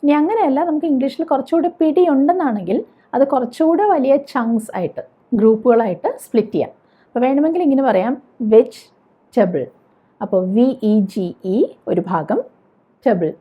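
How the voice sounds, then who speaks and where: Husky-voiced woman teaching spelling patiently. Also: on the high side, lively intonation, a little fast. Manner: patient, spells words out letter by letter; asks the viewer questions. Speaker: spoken English teacher. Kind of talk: explanatory teaching. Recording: dull lo-fi recording.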